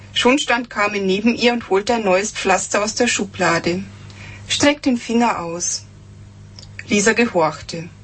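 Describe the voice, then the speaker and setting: A woman reading aloud from her own novel with expression, voicing the characters' lines higher and slowing down for tense moments. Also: a bit bright, slight background noise. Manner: acts out dialogue with raised pitch, slows for dramatic lines.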